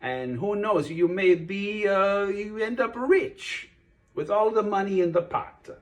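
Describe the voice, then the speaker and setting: A man performs and hosts a children's puppet show, speaking directly to a child in a high voice at a slow pace. He explains things simply.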